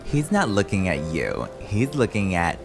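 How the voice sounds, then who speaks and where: A man's voice: fairly low pitch, huge pitch swings, normal speed, over music. A man playing a vain, bossy, irritable female socialite in a comedy skit, indignant and haughty. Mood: haughty irritation.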